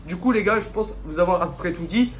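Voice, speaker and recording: A man's voice: high voice, fast talker. A man hosting a casual, slangy vlog intro, with a chesty cold making his voice give out. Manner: slangy, chummy address to viewers. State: voice giving out from start of bronchitis, coughing. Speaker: YouTube host introducing a video.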